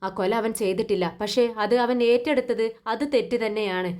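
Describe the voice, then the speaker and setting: A woman's voice: mid-range voice, fairly quick, a little mellow, natural voice. A woman voicing a grieving older mother-in-law who reproaches her daughter-in-law. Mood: reproachful. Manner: pleading and reproachful.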